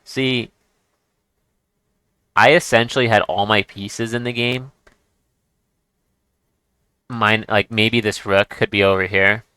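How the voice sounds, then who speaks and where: A man's voice: lowish voice, fairly even intonation, slow pace, pauses often, pushed and bright, smooth, no room sound. A man giving casual chess commentary as he plays, thinking aloud and restarting his sentences. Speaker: chess streamer.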